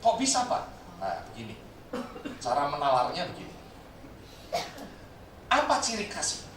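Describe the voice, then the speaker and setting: A man's voice: on the high side, normal speed. A man preaching a sermon in a church, telling jokes and stories as he addresses the congregation. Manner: animated, joking storyteller addressing the congregation. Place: church service hall. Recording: very echoey hall, distant mic, faint noise.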